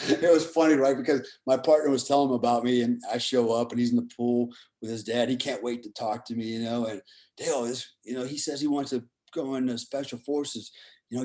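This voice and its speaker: Swearing freely and speaking bluntly, a middle-aged man swaps stories and opinions in relaxed conversation, often tacking on "right?" or "you know" to get agreement. His voice is mid-pitched and a touch mellow.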